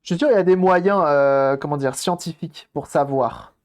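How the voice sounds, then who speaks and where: A man's voice: on the high side, moderate pace, clear, resonant tone. A man casually commenting on a live stream while repairing a game console, thinking aloud and greeting viewers as they arrive.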